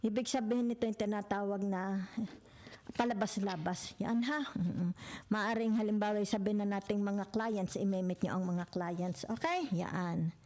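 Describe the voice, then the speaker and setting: A woman's voice: mid-range voice, fairly even intonation, normal speed, darkish tone. A woman with a Filipino accent giving a casual tarot reading, switching freely between Tagalog and English and checking in often with "okay?" and "di ba?". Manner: chatty, peppered with "okay?", "di ba?" and "yan". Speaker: tarot reader.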